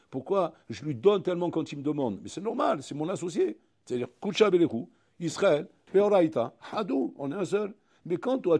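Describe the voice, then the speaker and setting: A man, a rabbi, giving a recorded Torah lesson in an animated, direct way, speaking straight to his listeners and acting out little dialogues. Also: fairly high pitch, slightly rough. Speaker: rabbi teaching a Torah class.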